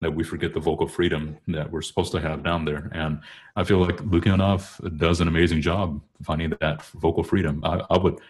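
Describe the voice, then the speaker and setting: A choral bass singer talks casually about vocal technique, frequently rephrasing as he goes. He has a bass voice with a level tone and a fairly quick pace.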